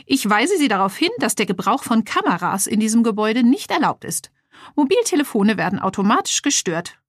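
A woman's voice: fairly high pitch, sing-song, brisk, breathy edge, no room sound. An officious, prim receptionist reading out rules in a storybook, played by a woman narrator. Her delivery is formal and a touch raised. Dry, close sound.

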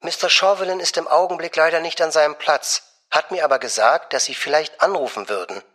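A man voicing a gushing young female bank secretary, soft and honeyed, sometimes dropping to a whisper. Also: medium pitch, moderate pace.

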